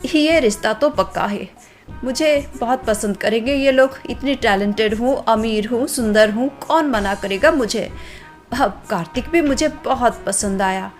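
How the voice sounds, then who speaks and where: A woman's voice: a little high, natural voice. A woman voicing a spoiled, snobbish rich young city woman who talks in a boastful, dismissive way, over faint music. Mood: snooty. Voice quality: boastful, dismissive, drawn-out complaining.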